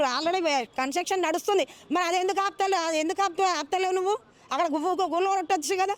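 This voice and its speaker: Telangana woman ranting fast, high voice, lots of rhetorical questions. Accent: Telangana Telugu. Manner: forceful, argumentative, asks rhetorical questions. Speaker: local resident speaking out. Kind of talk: street interview.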